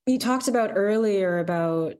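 A woman interviewing a guest in a relaxed conversation, casual and encouraging, with many filler words. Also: mid-range voice, normal speed, clear, resonant tone.

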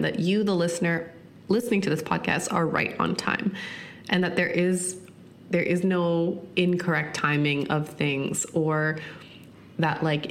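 A woman in her thirties hosts a solo podcast, speaking earnestly and reflectively and using "like" as a filler often. Her voice is fairly low and creaky, and she speeds up and slows down for emphasis. There's a little hiss or hum.

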